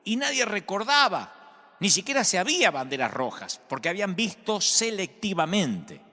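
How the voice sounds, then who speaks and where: An Argentine pastor delivers a sermon with a bright, high-set voice that rises and falls with animation. He tells stories with humor and lands points with emphasis. His voice carries a long reverb from a large church hall. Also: very animated, normal speed. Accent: Argentine Spanish.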